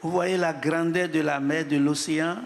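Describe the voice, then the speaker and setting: A man speaking as a panelist in measured, solemn remarks, pausing for his interpreter. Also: fairly high pitch, steady tone, vocal fry. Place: large hall at an event. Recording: reverberant hall, faint noise.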